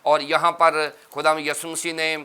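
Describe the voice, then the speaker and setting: A man's voice: fairly high pitch, monotone, pushed and bright, clean tone. A man, a pastor on a religious TV panel, explains terms step by step in a teacherly way.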